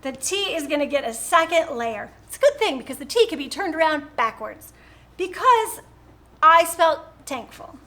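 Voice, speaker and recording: A woman's voice: sits high, very animated, moderate pace, pushed and bright. A woman hosting a live painting stream from home, chatting casually and rambling, laughing often. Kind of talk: casual chat while painting.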